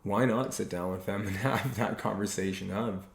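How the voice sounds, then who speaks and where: Deep-voiced earnest man, echoey room. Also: creaky. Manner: earnest, speaks slowly and carefully. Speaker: podcast host. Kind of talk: casual relationship talk. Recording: echoey room with faint noise.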